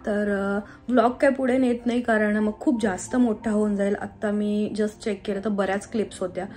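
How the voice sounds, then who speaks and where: A woman in her thirties, a homemaker vlogging casually at home, chatty with frequent pauses and fillers. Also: medium pitch, fairly even intonation, darkish tone, faint music behind. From Maharashtra, India. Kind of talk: casual vlog chat and voice-over.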